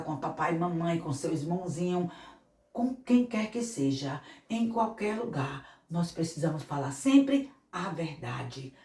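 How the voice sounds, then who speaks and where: A woman missionary telling a Bible story to children, animated and speaking to them directly. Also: fairly low pitch. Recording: echoey room, mic far off.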